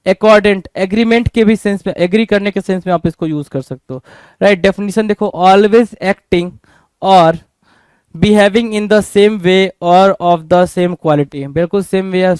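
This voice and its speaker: A man's voice: high voice, unhurried, darkish tone, clean tone, dry recording. A man with an Indian accent teaching English vocabulary in an exam-prep lesson, often asking the class a question and answering it himself.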